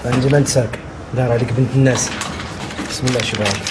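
An actor playing an evasive Moroccan shopkeeper who answers with proverbs in film dialogue. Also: male voice, medium pitch, steady tone, racing, heavy background noise, lightly acted. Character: secretive male shopkeeper, stubborn and cagey.

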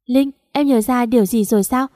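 A woman voicing a gentle, protective young man who speaks softly and reassuringly. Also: on the high side, brisk, dry recording, studio quality, close to an everyday voice.

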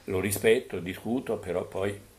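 A man's voice: on the low side, normal speed, darkish tone, a little hiss or hum. A man on a panel at a book presentation, telling film anecdotes in a digressive way, full of fillers and checking "no?" with the audience. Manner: digressive, many fillers and tag questions. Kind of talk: anecdotal public talk. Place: bookshop event room.

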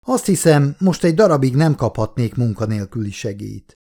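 A man's voice: mid-range voice, big pitch swings, dark tone. A male audiobook reader voicing a talkative, easygoing worker chatting with his boss. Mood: chatty.

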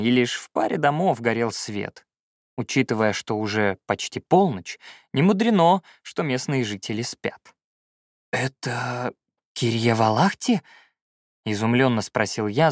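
Telling a fantasy tale in the first person, this male audiobook narrator performs expressively at normal speed. His voice sits in the middle range, captured in studio quality with no room sound.

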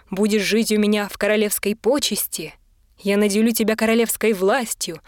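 A woman reading the part of a grateful young king in a fairy tale, speaking slowly and solemnly. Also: a little high, no echo, studio quality, natural voice.

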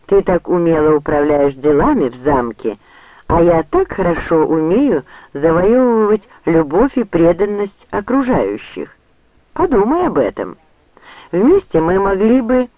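A man's voice: high-pitched, dry recording, pitched above the performer's own voice, full character voice. Guy doing a smug scheming noble, sneering, tinny dry audio. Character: scheming arrogant young nobleman, mocking. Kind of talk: audiobook character reading. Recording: dry, tinny phone-like sound.

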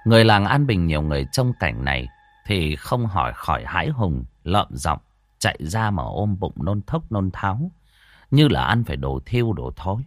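A man, telling a village tale in a lively, folksy way. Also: deep voice, moderate pace, dry recording. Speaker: storyteller. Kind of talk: audiobook narration.

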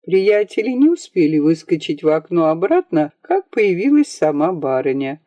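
A woman reads a novel aloud with expressive, lively storytelling. Her voice is mellow and moves up and down a lot. The audiobook recording is dry and dull. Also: fairly low pitch, normal speed, dry recording. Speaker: audiobook narrator. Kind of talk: scripted narration of a novel.

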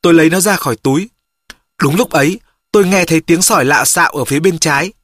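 An audiobook narrator telling a first-person story in a steady, even manner at a middling pitch. The voice is recorded close on a studio mic with a dry, dead sound. It is a measured, scripted reading. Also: dry recording.

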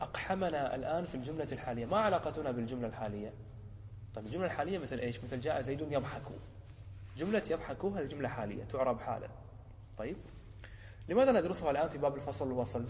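A man, a sheikh teaching a lesson, who explains a poem, often checks whether his students follow, and slows down to quote examples. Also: on the high side, darkish tone, in a large hall, slight background noise. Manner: asks the class short checking questions. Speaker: sheikh teaching Arabic rhetoric.

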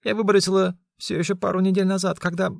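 A man's voice: high-pitched, little pitch movement, fast, gravelly, dry recording, pitched above the performer's own voice. A man voicing a frightened, tearful young pregnant woman who pleads in a trembling voice. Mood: frightened pleading.

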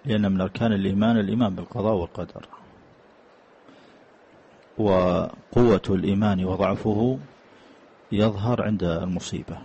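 Deep gravelly man teaching a religious lesson. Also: steady tone, warm tone, highs cut off, a little hiss or hum. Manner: reads out questions, then explains deliberately. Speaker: mosque teacher answering questions. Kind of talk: religious lesson with questions and answers. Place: large mosque.

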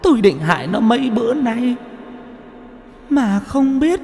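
A man doing a high wailing woman ghost. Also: very animated, unhurried, mellow, big-room sound, slight background noise, full character voice. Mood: tearful pleading. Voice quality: high wailing falsetto, tearful. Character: weeping female ghost, middle-aged, pleading.

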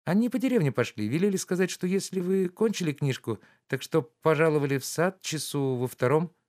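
A quick, eager young housemaid, as a male narrator lifts his voice well above his own, her words lilting and hurried. She reports her mistress's messages brightly and breathlessly. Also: fairly high pitch, expressive, voice pushed up, close to an everyday voice.

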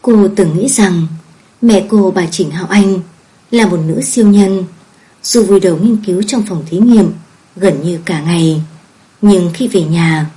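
A woman narrating a novel as an audiobook, calm and measured in her storytelling. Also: fairly low pitch.

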